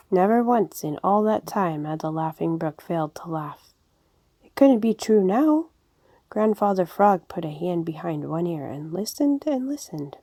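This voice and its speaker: A woman reads a children's storybook aloud, gentle and expressive. Her voice is warm and mellow and sits a bit low, and the recording is dry and close. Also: dry recording. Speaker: audiobook reader. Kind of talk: storybook reading.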